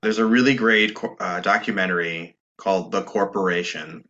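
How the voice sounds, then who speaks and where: Casting: male podcast co-host, lowish pitch with a crisp bright edge, casual explainer who rephrases mid-thought. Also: normal speed, dull audio.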